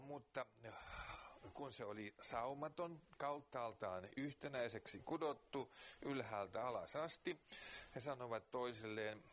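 A man preaching, reading scripture aloud slowly and earnestly, then praying, with occasional fillers. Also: mid-range voice, fairly bright tone, slight background noise. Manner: slow, earnest Bible reading with pauses and fillers.

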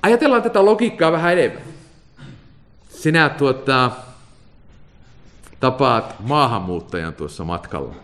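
A man's voice: medium pitch, expressive, long pauses, fairly bright tone. A man preaching a sermon, asking his listeners rhetorical questions and laughing now and then as he explains.

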